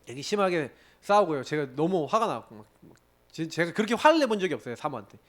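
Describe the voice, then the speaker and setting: A man's voice: on the high side, fast talker. A man preaching a sermon as pastor, telling stories and acting out prayers and complaints in quoted voices. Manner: animated storytelling preacher, acts out quoted prayers and arguments.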